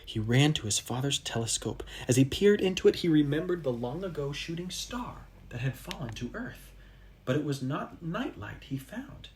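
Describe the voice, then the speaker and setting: With faint noise in the background, someone reads a children's story for young listeners in a mid-range voice. The intonation swoops animatedly, and the delivery is expressive with dramatic pauses.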